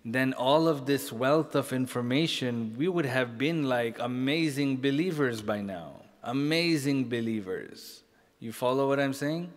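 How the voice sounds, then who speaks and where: A middle-aged man delivers a sermon in a relaxed, conversational way, often turning to the listeners for agreement. His voice sits at a medium pitch. It rings out with a long reverb, as if in a large hall. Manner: casual, talks directly to the audience with frequent "right?" and "you know?". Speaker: sheikh giving a religious lecture. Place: mosque hall, indoors.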